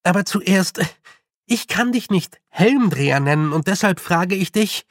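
Man putting on a stubborn young witch girl, firm and direct, raised pitch, gravelly edge, dry close sound. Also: lively intonation, unhurried, dry recording. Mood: determined.

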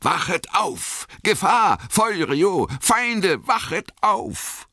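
A man's voice: sits high, sing-song, drawn-out words, pushed and bright, no echo, clean studio sound, voice pushed up, heavily acted. A man voicing a frightened small hobbit man frantically crying out in alarm, in an audiobook reading. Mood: panicked. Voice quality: frantic, shrieking.

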